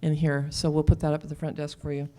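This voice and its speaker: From the stage of a live event, a woman host playfully and casually coaxes the crowd, with faint audience noise behind her. Her low, mellow voice is completely flat and she talks fast.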